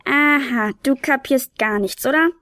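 A woman's voice: sits high, bright, forceful tone, dry recording. A woman doing a tiny cheeky Nicholas helper. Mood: hurried, breezy. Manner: cheeky, chatty and hurried.

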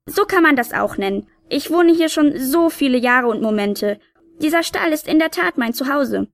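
A woman's voice: high-pitched, animated, moderate pace, no room sound, studio quality, pitched above the performer's own voice. A woman voicing a tiny, cheeky female helper of Saint Nicholas who chatters breezily and is always in a hurry.

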